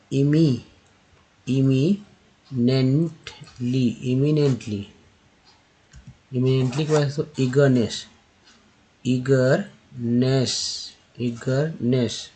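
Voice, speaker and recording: A man whose first language is Hindi, teaching English pronunciation slowly word by word, repeating each word and spelling out its sounds. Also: mid-range voice, warm tone, breathy edge, low-quality recording. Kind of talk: slow word-by-word pronunciation lesson.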